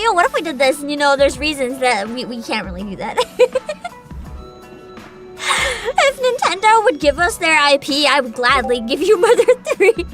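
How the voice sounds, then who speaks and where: A woman's high-pitched, somewhat bright voice hosts a casual livestream, explaining things and riffing to viewers in an informal, rambling, giggly way.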